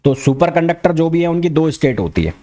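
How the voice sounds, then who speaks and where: A man with an Indian accent teaching a fast revision physics lecture, talking quickly and repeating key terms back as questions. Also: a little high, very animated, dark tone. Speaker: physics educator.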